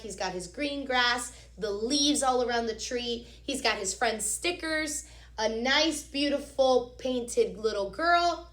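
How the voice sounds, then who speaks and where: This fairly high-voiced woman has a teacherly manner as she reads a children's story aloud, expressive and instructive. She often pauses the text to explain it straight to the young listeners, and the room around her is very echoey.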